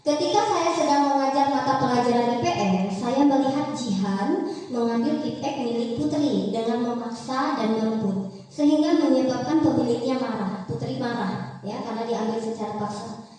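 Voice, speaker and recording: A woman's voice: on the high side, normal speed, mellow. A woman teacher leading a training session for fellow teachers, asking questions and repeating their answers back. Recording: echoey room, far from the mic, music behind.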